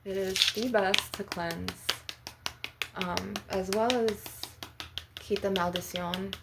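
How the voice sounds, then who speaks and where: A woman talks through an ASMR session in a conversational, wandering manner. Her mid-pitched voice has plenty of gravelly fry. The recording is very noisy, with clicking and tapping behind her. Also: steady tone, slow. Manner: rambling, conversational asides. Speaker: ASMR video host. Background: tapping on glass and objects, clicking.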